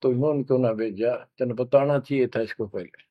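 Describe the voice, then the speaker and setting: A man voicing a frightened, tearful village woman who scolds her brother in fast, wailing bursts, on a dull, dry lo-fi recording. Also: medium pitch, dry recording, close to an everyday voice. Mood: wailing, reproachful.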